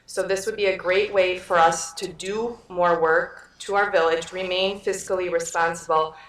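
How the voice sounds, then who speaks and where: A woman's voice: on the low side, steady tone, fairly bright tone. Earnest woman candidate in echoey hall. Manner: measured, earnest with filler ums. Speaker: trustee candidate. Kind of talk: candidate forum answer. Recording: echoey hall, mic from far off.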